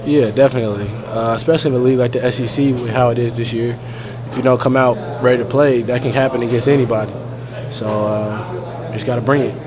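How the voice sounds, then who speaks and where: Young male athlete, postgame scrum, subdued and halting, crowd noise behind. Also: medium pitch, fairly even intonation. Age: young adult. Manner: subdued, halting, many uh fillers. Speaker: college basketball player. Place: crowded arena interview area, curtained backdrop. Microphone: reporters' phones held close. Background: crowd chatter.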